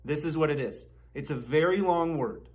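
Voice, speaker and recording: A man hosting a comedy channel, sarcastically teaching mock words and drawing them out slowly. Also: on the high side, darkish tone. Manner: sarcastic, slow over-enunciation. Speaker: channel host. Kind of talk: mock-lesson commentary.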